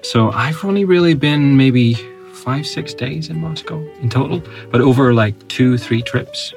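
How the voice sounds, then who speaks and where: A man's voice: medium pitch, measured pace, gravelly, music in the background. A man with a Northern Irish accent co-hosting a podcast in casual, unscripted, jokey banter. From Northern Ireland, UK. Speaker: podcast co-host.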